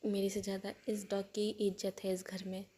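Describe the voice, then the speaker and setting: A teasing, cheeky young man talks in a breathy, even tone, voiced by a woman storyteller. His lines are read in a soft, flat storybook manner. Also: medium pitch, normal speed, natural voice.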